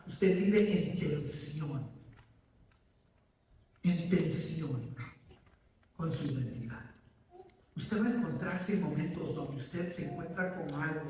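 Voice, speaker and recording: A man's voice: fairly high pitch, slight background noise. A man from Ecuador preaching a sermon in a church, addressing listeners directly and answering his own questions. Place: church sanctuary. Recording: echoey hall, voice from far off.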